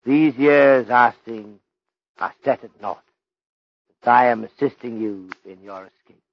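An actor playing a courteous, stern Chinese police detective in an old radio drama, speaking in deliberate, ornate English with articles dropped. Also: male voice, medium pitch. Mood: solemn, torn. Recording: dull lo-fi old radio recording.

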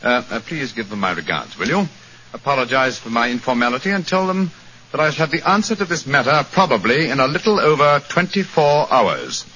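An actor playing a brisk, confident detective in an old radio drama, speaking in a crisp, precise way. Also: male voice, mid-range voice, sing-song, background noise, natural voice. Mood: commanding. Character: brisk, confident detective hero, middle-aged man. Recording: dull lo-fi old radio recording.

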